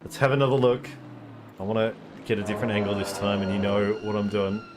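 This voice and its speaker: A man's voice: fairly low pitch, steady tone, fast talker, noisy background. A man giving live race commentary, thinking aloud and explaining car details with frequent ums. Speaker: sim racing commentator.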